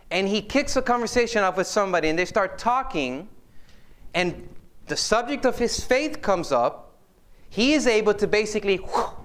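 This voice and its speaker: A man preaching a live sermon, his voice smooth and resonant and sitting a little high. He keeps it animated, firing questions at the congregation and slipping in joking asides. Each point comes from the pulpit to the people in front of him.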